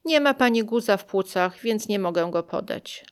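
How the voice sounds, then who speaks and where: A woman voicing a brisk, detached female oncologist who speaks quickly and flatly. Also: mid-range voice, smooth, natural voice. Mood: curt, cold.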